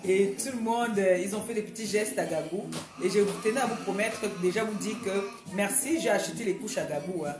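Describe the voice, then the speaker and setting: A woman's voice: mid-range voice, a little fast, few pauses, roomy sound, music in the background. A woman speaking in a casual vlog monologue, emphatic and repetitive, often hesitating and restarting her sentences. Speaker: vlogger.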